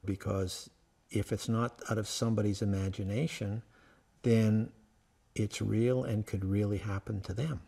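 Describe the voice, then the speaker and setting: A man interviewed for a documentary, speaking in a reflective, unhurried way. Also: lowish voice, steady tone, creaky, dark tone, husky.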